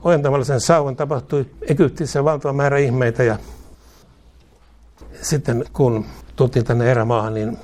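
A middle-aged man preaching a sermon, asking the congregation questions and rising in pitch and force when he exhorts them. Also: steady tone, long pauses, a little mellow.

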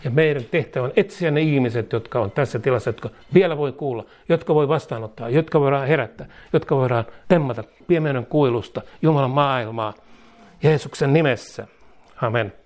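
A man preaching a sermon, rising in force as he exhorts and leading prayers phrase by phrase. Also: a little mellow. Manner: leads the congregation in prayer, phrase by phrase; rises in pitch and force as he exhorts. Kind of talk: sermon with call-and-response prayer.

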